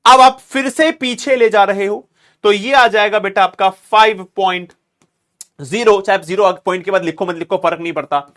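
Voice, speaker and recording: High-voiced man teaching chemistry. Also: normal speed, fairly bright tone. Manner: calls students "beta", asks them to make noise. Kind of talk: classroom lecture.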